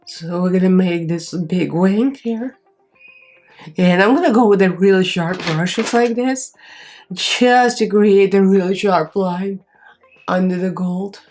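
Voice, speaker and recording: Slow and mid-range with a darkish tone, this woman sounds congested and nasal, her voice strained by a cold. As a beauty vlogger she rambles with fillers while doing her makeup on camera, and soft music plays in the background.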